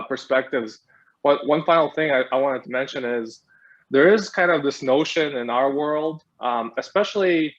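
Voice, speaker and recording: A man introducing himself on a video call, a little out of breath and halting, with many fillers. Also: mid-range voice. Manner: hesitant, many fillers and restarts. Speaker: forum participant. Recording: dull lo-fi video call audio.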